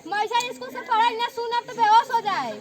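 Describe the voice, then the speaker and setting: A girl acting in a school stage play as a naive, illiterate village daughter-in-law who is hard of hearing, speaking rustic dialect in a slow, muddled way. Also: very high voice, recorded from a distance. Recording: loud crowd and noise, outdoor stage.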